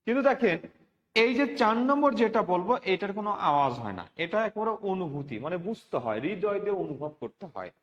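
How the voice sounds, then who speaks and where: Man teacher from Bangladesh, high voice, repeats himself and prompts students; dull, reverberant recording. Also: very animated, fast talker. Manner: repetitive, asks students for responses. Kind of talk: online class lecture. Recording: dull lo-fi audio with long reverb.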